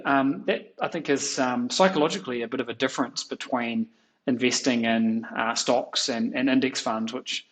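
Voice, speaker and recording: A man in his thirties hosts a podcast in a mid-pitched voice. He chats easily and drifts into his own anecdotes between questions. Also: fairly bright tone, poor audio. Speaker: podcast host. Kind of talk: conversational interview.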